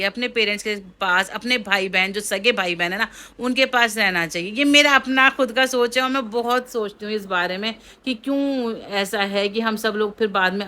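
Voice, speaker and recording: Young woman, cooking vlogger, casual chat, talks to viewers as friends, bright tone. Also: medium pitch. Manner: chatty, keeps addressing viewers as friend.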